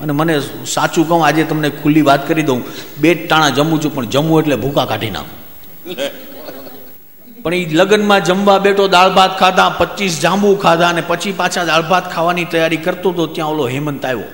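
A man's voice: a little high, a little fast, echoey room, in a large hall. A man from Gujarat with a Gujarati accent, telling jokes and stories on stage and acting out his friends' lines. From Gujarat, India. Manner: lively joke telling, voices friends in quotes. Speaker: stand-up comedian. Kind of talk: stage comedy storytelling.

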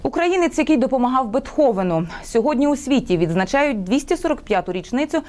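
A woman's voice: high-pitched, expressive, fast, over loud music. A woman news anchor reading scripted news in a formal broadcast style.

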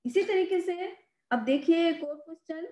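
A woman's voice: very high-pitched, normal speed, darkish tone, roomy sound. A woman teacher explaining a children's math lesson patiently, repeating and stressing the key words.

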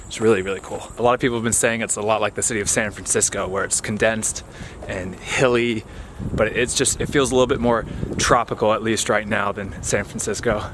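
Young American man, casual vlog, fairly low voice, noisy street sound behind. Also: brisk. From USA. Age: 20s. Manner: excited, rambling, restarts sentences. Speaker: soccer player vlogger. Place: indoors at home and outdoors in the city. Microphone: handheld action camera.

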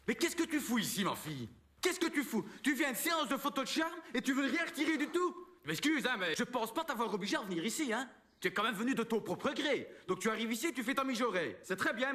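Sleazy belgian photographer, high voice jumping all over, bossy, keeps going hein. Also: male voice, sharp tone, full character voice. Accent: Belgian French. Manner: bossy, patronizing, tacks "hein" onto sentences. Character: sleazy pushy male glamour photographer. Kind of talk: film comedy acting.

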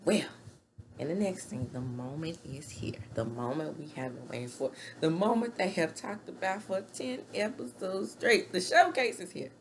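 Speaking at normal speed with a fairly low pitch, a middle-aged woman delivers a chatty recap of a reality show, full of opinions and hand gestures. The webcam at her desk in a small home room picks up a little hiss or hum.

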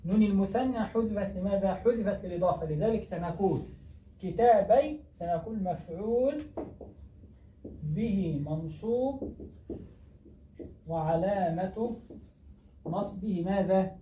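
Grammar teacher with a mellow voice, drills key terms through repeated questions, heard from a distance with faint background noise. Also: medium pitch, unhurried, pauses often. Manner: asks questions and answers them, repeats key words. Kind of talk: grammar lesson. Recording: echoey distant dull recording, faint noise.

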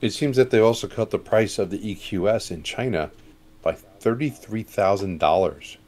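A man's voice: fairly low pitch, moderate pace, darkish tone. A man co-hosting a casual news chat show, with dry, teasing remarks. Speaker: podcast co-host.

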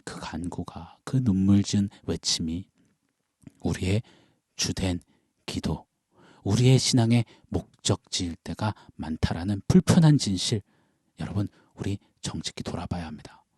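A male pastor preaching an early-morning sermon, swinging from loud cries to hushed whispers and acting out prayers in quoted voices. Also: low-pitched, animated, measured pace, slightly rough, no echo, clean studio sound.

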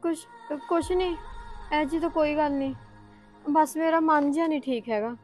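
Woman playing young college student, earnest and worried, high voice, faint music. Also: moderate pace, a little mellow, natural voice. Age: young adult. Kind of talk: short film acting.

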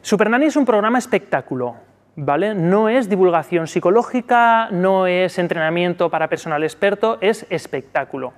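A man with a Spanish accent giving a live workshop talk on child tantrums, checking in often with a quick "¿vale?". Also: expressive, long reverb tail. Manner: peppers sentences with "¿vale?"; acts out soothing talk to a child in a high voice. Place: conference room.

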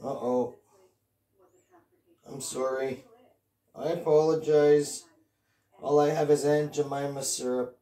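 A man's voice: on the high side, level tone, takes it slowly, long pauses, warm tone. A man in his fifties rambling casually to camera as host of a home cooking vlog, giggly and tipsy, goofy and sweary, repeating himself, recorded on a phone in a kitchen. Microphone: phone, handheld then propped nearby.

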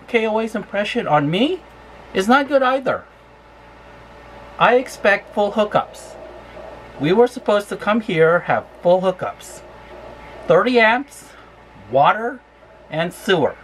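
Furious and swearing, a woman travel vlogger rants about her RV campsite in a mid-range, sing-song voice. She speaks unhurriedly with long pauses, over a faint hiss or hum.

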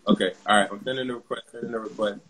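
A man's voice: fairly low pitch, fairly even intonation, a bit bright, breathy edge. A man in his forties hosting a livestream video call from a room indoors, talking into a phone held close, upbeat and laughing often. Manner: upbeat, quick greetings with lots of laughing. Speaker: livestream host. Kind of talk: casual video call chat. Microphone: phone at close range.

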